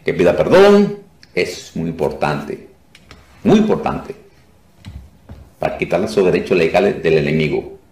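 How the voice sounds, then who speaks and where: Guy teaching a deliverance ministry class, kinda low voice, lots of repeating and "ok?", sounds a bit far off in a roomy space. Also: a little mellow. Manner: repetitive, restarts often, asks "ok?" to check. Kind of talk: informal teaching talk. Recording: echoey room, voice from a distance.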